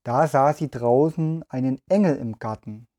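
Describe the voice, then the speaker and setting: A man hosting a podcast for children and reading a story aloud in a gentle, even way. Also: medium pitch, normal speed.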